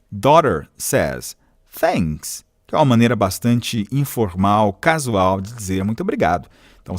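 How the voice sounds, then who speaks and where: A man with a Brazilian accent teaching English, reading each phrase slowly, repeating it and explaining every step patiently. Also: medium pitch, dry recording, studio quality. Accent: Brazilian Portuguese. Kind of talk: recorded English lesson explained in Portuguese.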